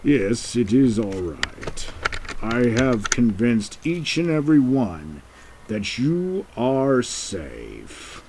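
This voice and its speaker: Rich: A proper, courteous male go-between, voiced by a man in a homemade puppet drama. He speaks slowly and formally, with wide swings in pitch. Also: very animated, a little mellow, slight background noise, exaggerated voice.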